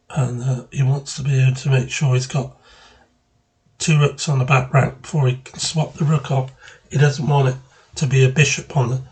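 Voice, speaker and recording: This is a man narrating his own chess match move by move in an easygoing way, pausing mid-phrase as he reasons aloud. The voice is medium in pitch with a darkish color.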